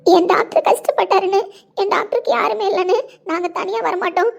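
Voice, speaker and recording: A joyful, weepy young mother-to-be, acted by a woman pours out her words at a fast clip. Her voice sits very high. She talks rapidly, half laughing through tears, in a homemade drama. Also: gravelly. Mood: overjoyed tearful. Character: emotional young pregnant woman expecting triplets. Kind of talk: home video drama acting.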